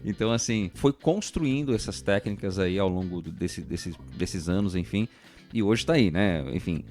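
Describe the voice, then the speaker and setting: A man's voice: sits low, expressive, moderate pace, a little mellow, soft background music. A Brazilian man hosting a podcast, summing up his guest's points in a reflective way and ending nearly every phrase with a tag question. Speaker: podcast host. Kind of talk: casual interview conversation.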